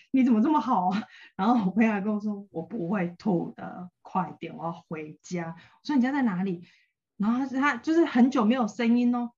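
A woman's voice: on the high side, highs cut off. Chatty Taiwanese woman telling a long story. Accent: Taiwanese Mandarin. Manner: long animated anecdotes, acts out quoted lines. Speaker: podcast co-host. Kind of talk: casual podcast chat, storytelling.

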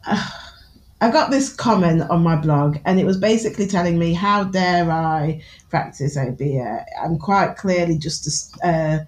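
A woman's voice: lowish voice, measured pace, darkish tone, rough recording. A woman with a Newark accent from the English East Midlands, talking frankly and casually as a podcast guest, swearing freely and laughing often. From England. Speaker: podcast guest, author and Obeah practitioner. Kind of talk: casual conversational interview.

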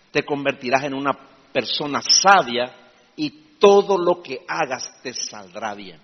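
A man preaches a sermon in a slightly husky voice, shifting between loud emphatic bursts and low, confiding asides. The sound is dull and lo-fi, with a long reverb trailing each phrase as if in a large hall. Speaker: pastor.

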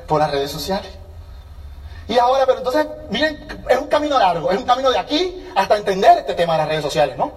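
A man with a high voice addresses a seminar crowd, energetic and motivational, slipping into quick acted-out exchanges. He sounds a bit away from the mic. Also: far from the mic. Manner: energetic, acts out dialogues with changing voices. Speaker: seminar speaker.

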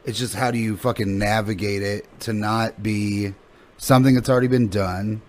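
Low-voiced man rambling over background noise. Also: steady tone, normal speed, a little mellow. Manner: rambling, thinking aloud, sweary. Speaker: stand-up comedian guest. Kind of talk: casual podcast chat.

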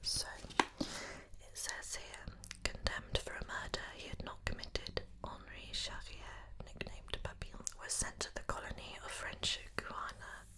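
A woman performs a whispered role-play as a helpful librarian. Her voice stays in a soft library whisper, breathy and unvoiced. She explains things in a gentle, unhurried, reassuring way. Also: rough recording. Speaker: librarian recommending books to a visitor.

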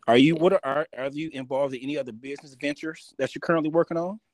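A man's voice: a little high, darkish tone, no room sound. Encouraging man interviewer. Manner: encouraging, affirming, quick questions. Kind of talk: casual interview.

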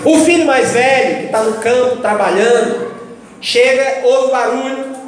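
A man with a Brazilian Portuguese accent preaching a sermon in a large church, telling the story with lively acted-out dialogue. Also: extremely high pitch, a little slow. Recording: echoey church hall from off-mic.

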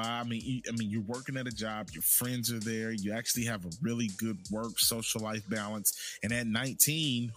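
A man with a lowish voice tells a casual personal story, rambling and circling back with repeats and restarts. He gets animated as he goes. Faint music plays underneath. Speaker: storyteller recounting work life.

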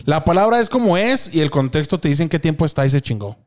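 A man's voice: on the high side, expressive, quick pace. Slangy Mexican man, casual chat. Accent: Mexican Spanish. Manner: slangy, profane, laughs often, acts out film lines. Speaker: podcast co-host.

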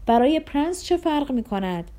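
A woman reading the lines of a mocking young man, speaking scornfully and with rising excitement. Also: sits high, voice pushed up. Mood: indignant. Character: mocking young male nephew, sharp-tongued.

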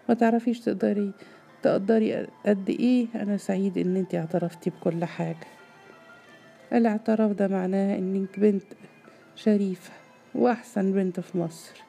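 A calm young man, earnest and soft-spoken, choosing his words with care, as a woman reads him aloud. His tone is dark and a little gravelly. He sounds apologetic and patient. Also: medium pitch, close to an everyday voice. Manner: gentle, apologetic, measured.

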